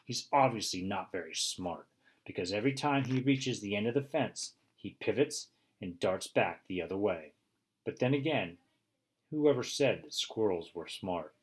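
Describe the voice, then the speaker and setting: A man reads a children's story aloud in first person, lively and expressive, jumping up high at exciting moments. His voice is low and husky. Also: measured pace. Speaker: audiobook reader.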